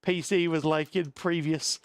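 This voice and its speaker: A man's voice: a little high, steady tone, unhurried, no echo. A man hosting a game stream, chatting casually and laughing often. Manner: giggly, chatty, bursts of laughter. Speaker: streamer host. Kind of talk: casual chat while gaming.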